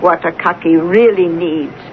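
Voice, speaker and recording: A woman's voice: lowish voice, unhurried, lightly acted. An actress playing a nosy, gossipy and deferential landlady in a 1970s radio drama. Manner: gossipy, obsequious. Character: nosy, deferential Russian landlady of a lodging house. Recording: tinny, noisy 1970s radio broadcast.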